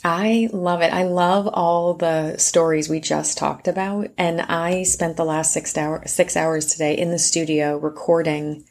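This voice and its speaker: A low-voiced woman, a professional audiobook narrator, talking casually on a podcast. She tells her stories with animation and breaks into laughter easily. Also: steady tone, unhurried, few pauses.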